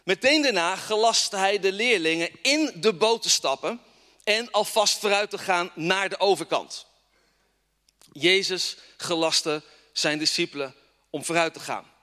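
Fervent male preacher, high bright voice, church hall reverb. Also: a little slow. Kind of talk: sermon with scripture reading.

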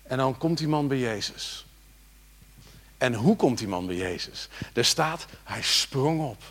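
A man preaching a sermon, moving between quiet reflection and loud, rising exhortation and speaking directly to his congregation with rhetorical questions. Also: medium pitch, expressive, a little slow. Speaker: pastor.

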